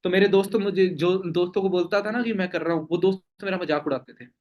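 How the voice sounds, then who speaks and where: A young man leads a network marketing meeting, answering doubts in an emphatic motivational style. His voice sits notably high, and he keeps throwing rhetorical questions and quick "okay?" check-ins at his listeners. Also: steady tone, narrow, tinny audio. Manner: emphatic, full of rhetorical questions and "theek hai?" tags. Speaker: network marketing team leader.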